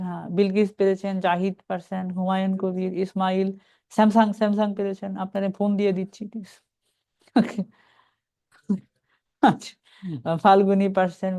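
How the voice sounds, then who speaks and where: A man leads a live online class in a relaxed, chatty way. He calls out the students who answered and slows right down to read English sentences phrase by phrase. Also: high-pitched, creaky, clear, resonant tone. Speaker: IELTS reading teacher.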